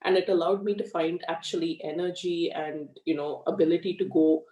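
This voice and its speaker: A middle-aged woman, speaking as an interview guest in a frank, measured way with many fillers. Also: fairly low pitch, fairly even intonation, mellow. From India, raised in Australia. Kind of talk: conversational interview. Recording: echoey room, far from the mic.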